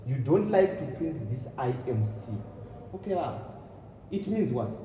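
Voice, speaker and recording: A man's voice: mid-range voice, very animated, a little slow. A man teaching a programming class, repeating points and asking fill-in questions. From Zimbabwe. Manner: repetitive, asks rhetorical fill-in questions. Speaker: programming lecturer. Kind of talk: classroom lecture. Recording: echoey room, distant mic, noisy.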